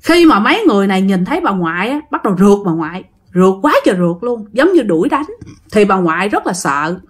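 A woman's voice: mid-range voice, sing-song, fast talker. A woman telling a ghost story casually to her listeners, emphatic and repetitive.

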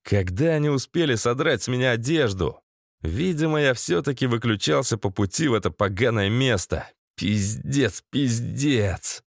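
A man's voice: medium pitch, animated, fairly quick. A man narrates a crude first-person action tale in a sardonic, swearing manner. His voice sits in a medium range. The recording is dry and close, with no echo. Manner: sardonic, profane. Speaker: audiobook narrator.

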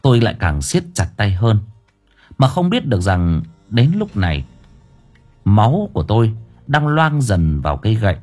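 A man narrating a first-person audiobook story in a dramatic, lively way. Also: lowish voice, moderate pace, faint music behind.

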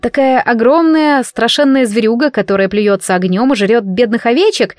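A woman voicing a dreamy, playful young light witch who talks in a chatty, coy, drawn-out way. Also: a little high, no echo, studio quality, natural voice. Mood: wary.

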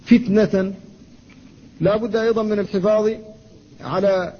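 A man, an Islamic scholar, giving a classroom lecture on Quran recitation. He explains rules at a measured teaching pace, recites verses slowly and stops to answer students. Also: sits high, steady tone, mellow, slightly rough. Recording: dull lo-fi lecture recording with faint noise.

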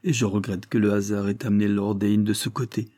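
A man's voice: on the low side, level tone, brisk, dark tone, no echo, studio quality, close to an everyday voice. A man voicing a flustered, humble male villager who pleads and defends himself. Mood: defensive.

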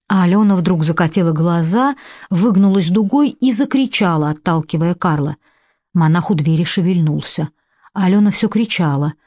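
A woman reading an audiobook in a measured, unhurried narration. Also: lowish voice, warm tone, no echo. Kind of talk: scripted narration.

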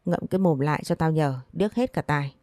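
Here is a woman reading a stern young master from an old storybook tale, a cool male doctor who gives short orders and brushes people off. The voice sits low and dark, and it comes across dry and close. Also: brisk, no echo, natural voice. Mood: scornful. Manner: curt and commanding.

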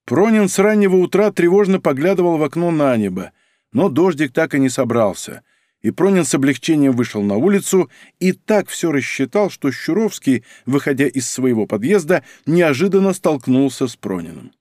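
Man narrating, audiobook, expressive, fairly high voice, lively, dry studio sound. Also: moderate pace, no echo. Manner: expressive, character-acting reader.

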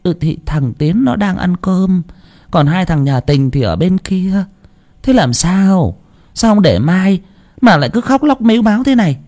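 A man voicing a soft-hearted, fussing elderly grandmother in a storybook tale. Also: very animated, unhurried, heavily acted. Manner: scolding, coaxing, high-pitched.

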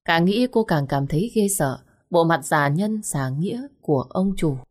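A woman narrating a dramatic story in an emotive, measured reading style. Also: low voice, expressive, darkish tone. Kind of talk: expressive audiobook narration.

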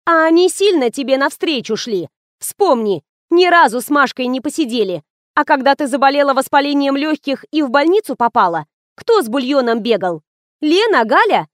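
A woman performs a sarcastic woman friend in an audiobook, mocking and needling, her voice pushed higher and louder than the narration. The recording is dry and close, with no room around it. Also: expressive, moderate pace, dry recording. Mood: scornful.

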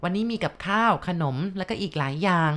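A woman's voice: on the low side, fast, a bit bright, close to an everyday voice. A woman doing a blunt old granny. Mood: brusque. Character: flustered old grandmother food seller.

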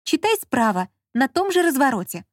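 A woman's voice: sits high, very animated, moderate pace, dry recording, clean studio sound, voice pushed up. Woman voicing a bossy mocking young woman. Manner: mocking, emphatic. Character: bossy sharp-tongued young woman, fussing.

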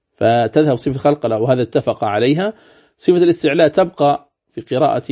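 A sheikh teaching a recorded lesson on Quran recitation. He explains step by step, repeats his points and slowly demonstrates recited words. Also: medium pitch, dark tone. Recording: dull lo-fi recording.

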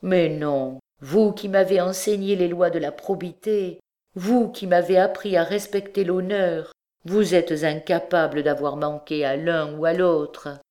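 A passionate young man, fiercely loyal to his mother and quick to flare up, as a woman reading an audiobook puts him on. His voice rises high and urgent above the narration. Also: fairly even intonation, warm tone, lightly acted. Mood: pleading. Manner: pleading then vehement, raised voice.

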